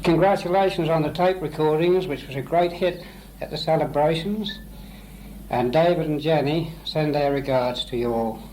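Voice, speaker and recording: A man's voice: on the high side, normal speed, darkish tone, rough recording. A man giving a short, formal greeting to relatives on tape. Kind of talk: brief formal spoken letter to relatives. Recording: amateur tape with faint noise.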